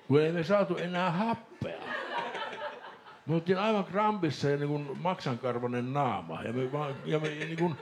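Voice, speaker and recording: Animated Finnish man telling a story. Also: medium pitch, slight background noise. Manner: animated storyteller, laughs and mimics voices, shouts when excited. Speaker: podcast host. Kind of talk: casual storytelling chat.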